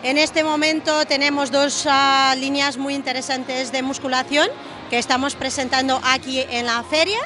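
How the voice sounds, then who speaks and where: A young woman with a high voice and a Portuguese accent explains her products in halting, filler-heavy speech. She talks into a handheld reporter mic in a big exhibition hall, with music playing loudly behind her. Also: little pitch movement. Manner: hesitant, many filler sounds. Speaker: brand representative. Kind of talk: trade fair interview. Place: large exhibition hall at a fitness fair. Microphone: handheld reporter mic held to her. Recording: loud music and crowd in hall.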